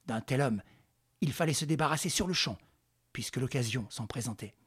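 A man narrating a radio drama in a measured, dramatic storytelling manner. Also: medium pitch, lively intonation, breathy edge.

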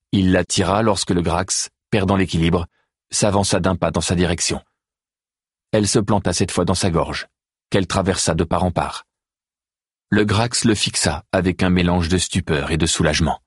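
A man narrating a dark novel in a measured, even audiobook reading. His voice is very deep and husky, and the recording is close and completely dry. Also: no room sound. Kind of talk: scripted narration.

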